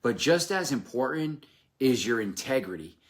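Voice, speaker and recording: A man's voice: mid-range voice, sing-song, moderate pace. A man who owns a painting business giving an earnest, polished video tribute to his mentor. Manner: earnest, polished, scripted-sounding.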